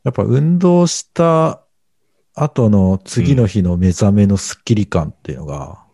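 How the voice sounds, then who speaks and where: Low gravelly man, dark and dry. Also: lively intonation, measured pace, no echo. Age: middle-aged. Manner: hesitant, rambling with many fillers. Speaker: podcast co-host. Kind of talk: casual podcast chat.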